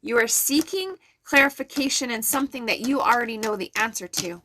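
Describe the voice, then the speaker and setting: Middle-aged woman, intuitive card reader, soothing and earnest, a bit high-pitched, live-stream reading. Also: lively intonation, a little fast, pushed and bright, a little hiss or hum. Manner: soothing, earnest, addresses viewers directly.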